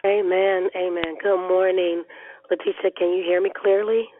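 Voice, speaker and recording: A woman with a hoarse, raspy, worn-out voice, giving an earnest devotional talk and prayer in a conversational way on a group phone call. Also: on the low side, little pitch movement, moderate pace, background noise. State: hoarse, unwell. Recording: tinny narrow phone line.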